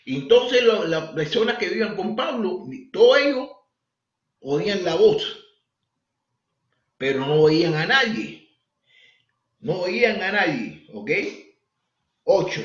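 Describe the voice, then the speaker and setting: A man's voice: sits high, slow pace, long pauses. A man teaching a bible study sermon, asking his listeners questions as he explains the passage. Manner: animated, asks the listeners questions. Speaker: preacher. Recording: echoey, lo-fi room recording.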